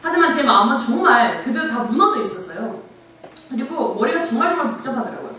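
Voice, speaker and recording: A woman's voice: high-pitched, fast, recorded from a distance, a little hiss or hum. Young woman telling her story in an echoey hall. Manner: animated storytelling, acting out her own shouts and laughs. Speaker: speaker giving a faith testimony. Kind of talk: personal testimony talk.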